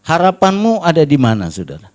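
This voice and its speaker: A middle-aged male pastor with a fairly high voice tells a story from his ministry in an earnest sermon. He keeps turning to the congregation as brothers and sisters and drops to a hushed tone when the story grows tense. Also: wildly swooping pitch, a little fast. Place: church prayer service.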